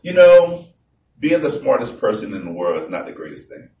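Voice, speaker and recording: A man preaching a conversational sermon, reading scripture slowly and with emphasis. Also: medium pitch, very animated, vocal fry, dark tone, a little hiss or hum. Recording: echoey room from far off.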